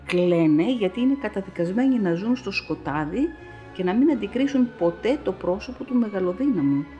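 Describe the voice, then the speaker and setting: A woman's voice: medium pitch, animated, lo-fi sound, lightly acted. A woman voicing a stern man who proclaims grim visions in a solemn, thundering way, over faint music. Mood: solemn proclaiming.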